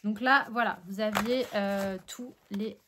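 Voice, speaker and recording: Sniffly from a tickling nose, a French woman unboxes art supplies in a relaxed home vlog, chatty, excitable and heavy on fillers. Her mid-range voice moves at an unhurried pace over a noisy background.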